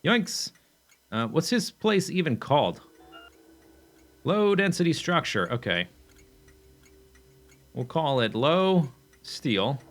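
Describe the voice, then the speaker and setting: A man's voice: fairly high pitch, sing-song, slow pace, pauses often. A young man casually commenting on his own gameplay as he plans a factory build, thinking aloud with fillers and self-corrections, and he has the hiccups. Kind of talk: casual let's play commentary.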